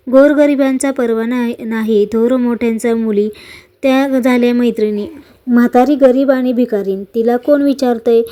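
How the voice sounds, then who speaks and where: A woman's voice: on the high side, mellow, close to an everyday voice. A woman voicing an angry old beggar woman, a disguised goddess, in a read-aloud devotional story, scolding bitterly.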